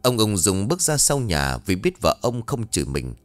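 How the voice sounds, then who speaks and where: Animated male ghost story narrator. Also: fairly low pitch, normal speed, no room sound. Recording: dry studio voice with faint music.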